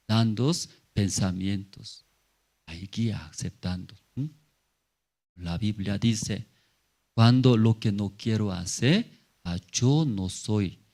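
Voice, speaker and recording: A male pastor preaching a sermon in halting, broken-up phrases, prompting the congregation with rhetorical questions and "mm?". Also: lowish voice, dark tone.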